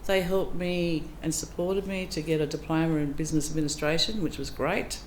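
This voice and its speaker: A middle-aged Australian woman gives a candidate speech at a public forum while running for council, her low voice brisk and fairly even. She talks plainly and chattily, with lots of ums. The recording is low quality, with a faint hiss beneath her.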